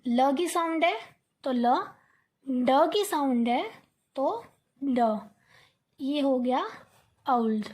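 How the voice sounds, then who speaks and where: Young woman, high voice, online teacher, repeats words, coaxing, keeps checking in. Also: expressive, extremely slow, pauses often, darkish tone. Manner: coaxing, repeats words to drill sounds and keeps asking "theek hai?". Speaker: English teacher. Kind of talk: online lesson.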